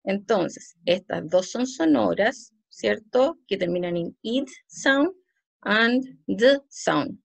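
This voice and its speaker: A woman's voice: medium pitch, lively intonation, vocal fry, dry recording. A woman teacher with a Chilean Spanish accent, patiently explaining English pronunciation rules to her class in a recorded lesson, often checking that students follow. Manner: slow, patient explaining, with many "¿cierto?" and "¿ya?" checks.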